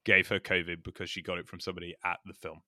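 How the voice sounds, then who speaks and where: A male podcast host speaks in a low, hoarse voice that still has a forceful edge. His talk is casual and halting, full of pauses. The sound is dry and close, with little room around it. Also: level tone, no echo. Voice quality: hoarse, croaky voice. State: hoarse after a recent illness.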